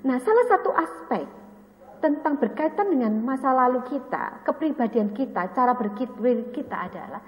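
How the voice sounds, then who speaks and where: A woman's voice: sits high, normal speed, muffled recording. A woman evangelist with an Indonesian accent gives a teaching sermon at a retreat, telling stories and acting out the dialogue in them. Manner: animated storytelling, acts out dialogue. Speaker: evangelist speaker at a staff retreat. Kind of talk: teaching sermon with personal story. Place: retreat hall. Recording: roomy hall with long reverb.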